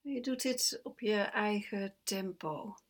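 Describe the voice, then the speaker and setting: A woman guiding a breathing meditation, with slow, soft, calm instructions that at times sink to a whisper. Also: medium pitch. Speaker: meditation guide.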